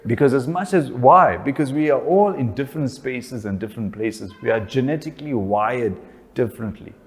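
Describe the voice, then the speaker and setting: A man with a South African accent talks to an audience about family life. His voice is mid-pitched and he keeps posing questions that he then answers himself. The sound carries a long hall reverb. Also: normal speed. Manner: animated, asks himself questions and answers them. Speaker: speaker. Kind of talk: talk on family relationships.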